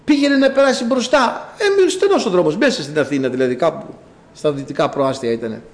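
A man preaching a sermon, telling a story with low asides and sudden high cries. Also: lively intonation.

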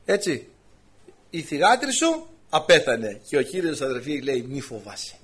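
A man's voice: fairly high pitch, big pitch swings, a bit bright, husky. A man preaching a sermon with passion. He asks the congregation rhetorical questions and keeps calling them brothers. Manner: impassioned, rhetorical questions, often addresses listeners as brothers.

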